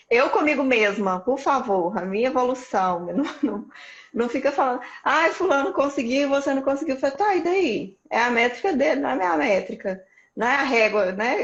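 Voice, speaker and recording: A woman's voice: a little high, dull audio. A woman hosting a live stream, chatting casually and affirming her guest often. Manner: affirming, chatty, many "uhum" replies.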